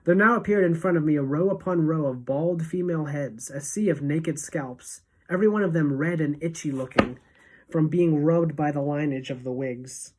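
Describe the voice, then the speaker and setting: A woman teacher reading a novel aloud to students, expressive and shifting between hushed and emphatic. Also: low-pitched, moderate pace, slight background noise, rough recording.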